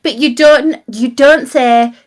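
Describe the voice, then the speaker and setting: A woman's voice: high voice, steady tone, slow pace, voice pushed up. A woman playing an exasperated fey woman in a tabletop game, scolding her companions in a bossy, emphatic, repetitive way. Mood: indignant.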